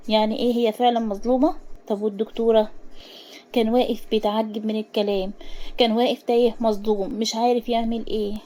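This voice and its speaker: Her voice fairly high and mellow, a woman with an Egyptian Arabic accent rushes through a dramatic romance with emotion. She acts out the characters' lines feelingly as she goes.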